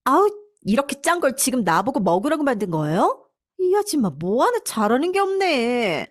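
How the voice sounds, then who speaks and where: Play a spoiled young wife, pitched well up, sneering and contemptuous at everyone around her, as in a storybook drama, with a woman putting her on. Keep it dry and close. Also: very animated, moderate pace, dry recording. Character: rude spoiled young wife, shrill and scornful.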